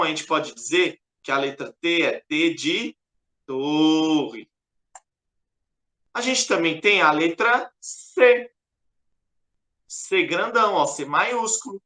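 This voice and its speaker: Man, chess lesson, patient explaining, bright voice, roomy echo. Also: on the high side, lively intonation, unhurried. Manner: patient, repetitive, keeps pointing things out. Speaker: chess teacher. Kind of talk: explaining a lesson over a board. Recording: echoey room.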